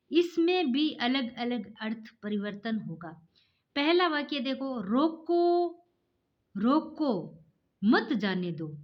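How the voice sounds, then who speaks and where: A fairly high-voiced woman teaches an online grammar class in a chatty, friendly way. She keeps asking her viewers quick questions and answering them herself. The sound is dull and lo-fi. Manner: repeats key points as quiz questions to viewers; chatty, calls viewers "guys". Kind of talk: online Hindi grammar lesson.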